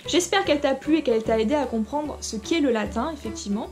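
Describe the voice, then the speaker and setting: Woman teacher, fairly high voice, informal explanatory lesson, hesitant fillers, faint music underneath. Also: fast talker, darkish tone. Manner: informal, addresses viewer directly, many fillers. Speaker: Latin teacher.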